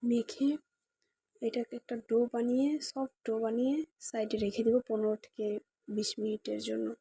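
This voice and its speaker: A woman's voice: fairly high pitch, steady tone, moderate pace, vocal fry, mellow, breathy edge, no room sound. A woman hosting a cooking channel, talking viewers through a recipe step by step in a chatty, direct way. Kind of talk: casual recipe tutorial voice-over.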